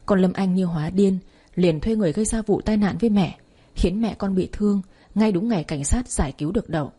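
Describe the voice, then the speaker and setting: A woman reading the lines of a grieving father in an audio story, in a steady explaining manner. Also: medium pitch, fairly quick, slightly rough, lightly acted. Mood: grave. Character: grieving father telling hard news.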